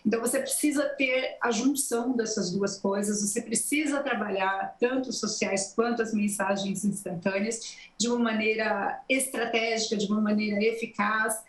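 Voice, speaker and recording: A journalist and election marketing consultant answering interview questions in an explanatory, steady way, with a Brazilian accent from the São Paulo interior. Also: female voice, a little high, moderate pace, echoey room, rough recording. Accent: São Paulo interior Brazilian Portuguese. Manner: explanatory, steady, many "né" tags.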